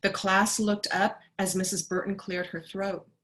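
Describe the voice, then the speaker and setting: A woman teacher giving deliberate instructions and reading a story aloud to her pupils. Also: mid-range voice, flat delivery, fairly bright tone. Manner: deliberate, addressing pupils directly.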